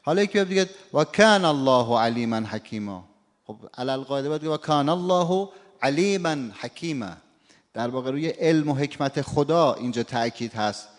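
A man teaching a recitation class, explaining points politely and demonstrating phrases as examples. His voice sits at an ordinary middle pitch. The room gives it a long reverb. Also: lively intonation. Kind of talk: classroom lecture with questions.

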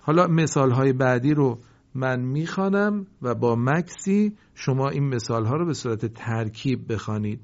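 A man teaching Quran recitation, slowly drawing out the syllables of each example, then explaining politely and formally. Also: medium pitch, lively intonation, darkish tone, muffled recording. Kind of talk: recorded lesson.

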